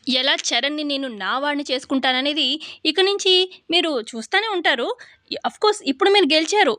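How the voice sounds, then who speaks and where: A woman's voice: sits high, sharp tone, dry recording, clean studio sound. Woman voicing a defiant young daughter-in-law. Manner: taunting, challenging.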